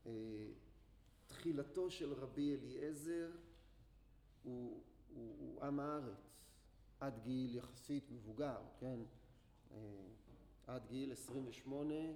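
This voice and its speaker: A man's voice: mid-range voice, warm tone. A man teaching a Torah class to a group, telling a story and asking his listeners questions, recorded in an echoey hall with faint noise. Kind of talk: religious class lecture.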